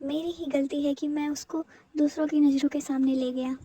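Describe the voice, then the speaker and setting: A woman's voice: high-pitched, steady tone, moderate pace, mellow, no echo, close to an everyday voice, rough recording. A woman voicing a possessive, obsessive older male teacher who broods, schemes and turns controlling. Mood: jealous.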